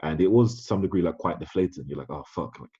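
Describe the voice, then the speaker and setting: A man's voice: low-pitched, very fast, dark tone, slightly rough, highs cut off. A man hosting a podcast, talking in a thoughtful way and often restarting his sentences. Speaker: podcast host. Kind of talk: conversational podcast discussion.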